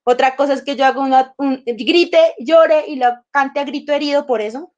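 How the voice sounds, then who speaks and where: A workshop teacher runs an emotional intelligence session, speaking conversationally and acting out inner dialogues with her emotions. Her voice sits high with a darkish tone at normal speed, her throat is a little sore, and the recording sounds muffled.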